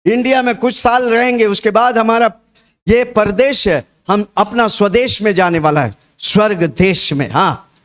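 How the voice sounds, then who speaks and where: Man, preacher, high voice, sermon, rousing call-and-response, repetitive storytelling. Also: moderate pace, fairly bright tone. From India. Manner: rousing call-and-response, urging the congregation to repeat.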